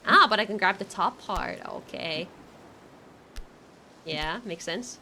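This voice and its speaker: A woman doing casual live game commentary for her stream chat, excitable and nervous, with giggles and exclamations. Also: medium pitch, takes it slowly, a little hiss or hum, rough recording.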